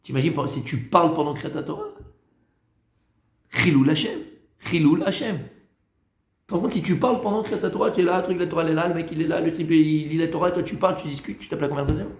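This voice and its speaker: High-voiced rabbi teaching in an echoey room. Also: male voice, fast talker. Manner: repeats phrases, mixes Hebrew terms, asks listeners questions. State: tired. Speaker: rabbi teaching a Torah class. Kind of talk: informal Torah lesson with questions from students.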